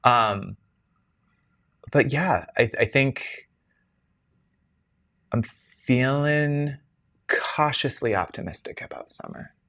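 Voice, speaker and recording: A man sits at a microphone co-hosting a casual podcast. His pitch sits in the middle of the range, and he talks in a lively, self-teasing way. He jumps higher in pitch whenever he wants to stress a point. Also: slow, gravelly, pauses often. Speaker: podcast co-host. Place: podcast recording space with camera crew.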